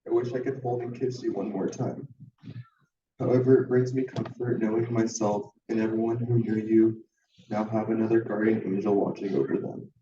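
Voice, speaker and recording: A man reading a written tribute to his late partner in a steady, even way. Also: on the low side, moderate pace, slight background noise. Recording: echoey hall from far off, dull sound.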